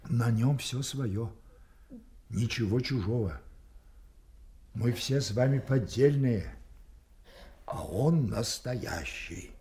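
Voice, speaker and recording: An actor playing an anguished old king losing his mind, in brooding, declamatory tragic style. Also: lowish voice. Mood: bewildered, musing. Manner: brooding, declamatory, swelling from hushed to impassioned. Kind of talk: theatrical classical tragedy monologue.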